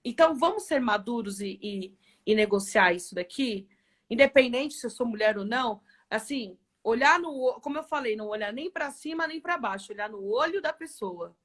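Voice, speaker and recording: A woman executive as a guest in a live interview, telling stories in a lively way with frequent tag questions. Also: fairly high pitch, normal speed. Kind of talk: casual live interview chat.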